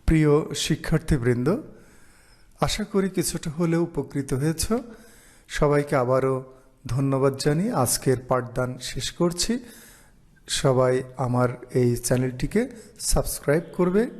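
A man teaching an online lesson, explaining slowly and reading out example phrases. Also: medium pitch, a little mellow. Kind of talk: online lecture.

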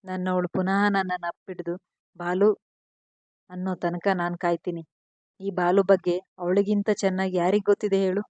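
A young husband from a storybook, fiercely devoted and quick to anger, read by a woman. He speaks bluntly in a low, level voice with little rise and fall, in a dry room. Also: flat delivery, darkish tone, no room sound, highs cut off, natural voice. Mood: tender.

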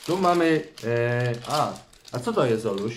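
A man's voice: medium pitch, expressive, a little slow, background noise. A man, a father hosting a casual toy unboxing with his son, chatty and teasing, reading a comic aloud. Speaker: father and channel host.

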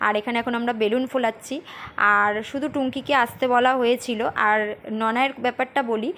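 A woman's voice: on the high side, steady tone, fairly quick, fairly bright tone. A woman in her thirties narrating a casual home vlog in a chatty, rambling way with many fillers. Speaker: vlogger. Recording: noisy home ambience.

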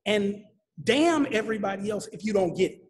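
A man moderating a panel, animated and emphatic, often repeating himself and asking "right?". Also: high voice, brisk. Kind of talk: panel discussion.

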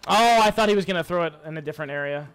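A young man with a fairly high voice narrates his own gameplay live at his computer desk. He is excitable and hyped, swearing and taunting the enemies he fights, while faint background music plays under his talk. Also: very fast, clear, resonant tone. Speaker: gaming YouTuber.

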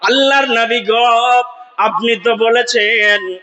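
High-pitched, fiery preacher who chants. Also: male voice, takes it slowly, highs cut off, faint music behind. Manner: impassioned, slips into sung chanting and shouted climaxes; asks the audience call-and-response questions. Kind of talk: Bengali waz sermon with chanted Arabic verses.

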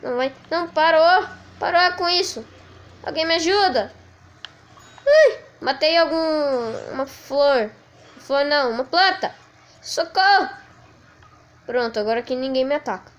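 A woman with a Brazilian Portuguese accent giving let's play commentary, excitedly yelling at the enemies on screen. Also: high voice. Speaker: gaming channel host.

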